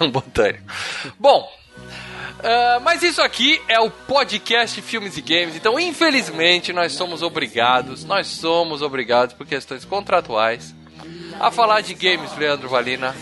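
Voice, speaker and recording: A man's voice: a little high, unhurried, soft background music. A man hosting a podcast, chatting casually and joking with his co-hosts. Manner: animated, joking. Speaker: podcast host.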